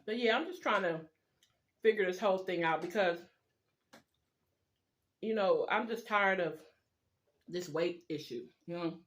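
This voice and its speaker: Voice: mid-range voice, unhurried, long pauses, a bit bright. A vlogger chatting informally and confidingly to viewers while eating, rambling along and talking with food in the mouth. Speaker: video blogger. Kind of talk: casual chat while eating, mukbang style.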